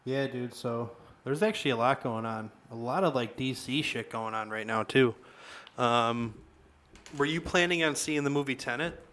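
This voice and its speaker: Bright-voiced chatty podcast guy. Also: mid-range voice, moderate pace. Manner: chatty, lots of fillers like "dude". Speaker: podcast co-host. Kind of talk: casual podcast chat.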